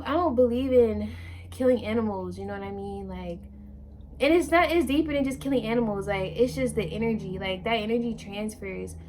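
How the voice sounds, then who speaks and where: A woman's voice: fairly high pitch, a little hiss or hum. A young woman and new mother chatting to camera in a loose, rambling way, full of fillers and restarts. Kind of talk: casual chat to camera.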